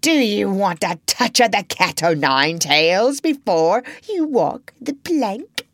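A woman's voice: medium pitch, big pitch swings, takes it slowly, dry recording, studio quality, pitched above the performer's own voice, exaggerated voice. A woman voicing a sardonic male pirate captain in a storybook reading, theatrical and full of mock-pleasant menace. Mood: gloating. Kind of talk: storybook narration character voice.

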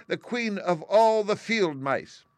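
A tiny mouse queen speaks in a squeaky, very high voice, as a man puts her on. She is proud and regal and quick to take offence, in a storybook reading. The sound is dry and close. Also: expressive, dry recording. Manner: indignant, regal, easily alarmed.

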